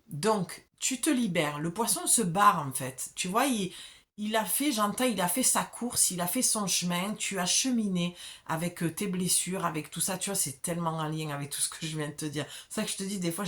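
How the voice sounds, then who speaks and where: A woman's voice: fairly low pitch, moderate pace, a bit bright. A woman giving an oracle card reading, talking straight to the viewer in a chatty, self-mocking way.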